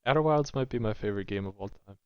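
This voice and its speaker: Male co-host, smooth low voice, reflective casual chat, dull lo-fi recording. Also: quick pace. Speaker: podcast co-host. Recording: dull lo-fi audio.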